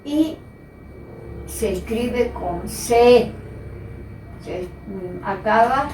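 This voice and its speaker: Woman teacher, spelling lesson, very slow and patient, higher voice, echoey room, mic at a distance. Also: lively intonation, a little mellow, slight background noise. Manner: slow, patient, repeats key words.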